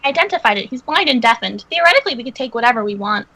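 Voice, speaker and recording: A woman's voice: fairly high pitch, animated, racing, bright, forceful tone, rough recording. A woman playing a tabletop game, speaking in a matter-of-fact, dry way. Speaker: player. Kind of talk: tabletop role-play chat.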